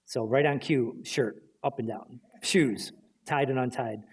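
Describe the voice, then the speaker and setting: Animated male panel storyteller. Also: medium pitch, unhurried, husky. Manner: animated anecdotal storytelling, acting out quotes. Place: stage at a library event.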